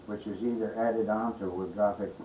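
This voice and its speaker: Low-voiced man chatting over dinner. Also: steady tone, dark tone. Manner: halting, with many restarts and fillers. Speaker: dinner guest. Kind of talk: casual dinner-table chat. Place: room in a house at dinner. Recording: echoey room, noisy home recording.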